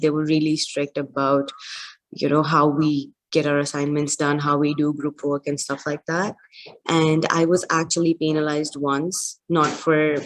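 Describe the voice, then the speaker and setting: Woman panelist, low voice, audible echo on the call, casual and personal. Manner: informal with fillers, speaks of personal experience. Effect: her voice echoes back on the video call. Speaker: webinar panelist and former international college student. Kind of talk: casual webinar sharing. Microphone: video call.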